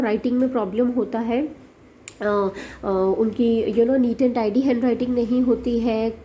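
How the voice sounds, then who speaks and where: A woman's voice: a little high, dark tone, a little hiss or hum. A woman explaining worksheets to parents in a hesitant, filler-heavy way, mixing English into her speech. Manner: hesitant, many fillers, mixes English into Hindi. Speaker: special education channel host.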